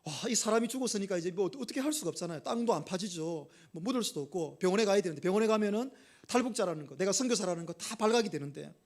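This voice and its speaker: High-voiced preacher, loud and hushed by turns. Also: male voice, animated, racing. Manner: storytelling with rhetorical questions to the congregation; swings between loud emphatic bursts and quiet dropped phrases. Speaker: pastor. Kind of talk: sermon. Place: church sanctuary.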